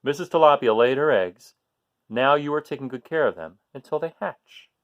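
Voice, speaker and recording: A kindly father seahorse from a storybook, acted out by a man, polite and cheerfully encouraging. The voice swings widely in pitch and has a gravelly edge. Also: expressive, normal speed, highs cut off, close to an everyday voice. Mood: understanding. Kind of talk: animated picture-book read-aloud.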